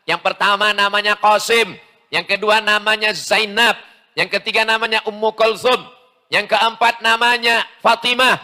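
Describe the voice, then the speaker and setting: A man from Sumatra preaching a lively sermon to a large gathering, loud and emphatic with playful asides. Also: a little high. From Sumatra, Indonesia.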